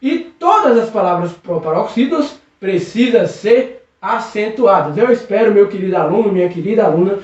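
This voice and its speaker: A man's voice: high voice, lively intonation, a little mellow. A man teaching a recorded video lesson, patiently drawing out syllables and checking in with "okay?" again and again. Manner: patient, drawn-out stressing of syllables, constant check-ins. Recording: echoey room, distant muffled mic.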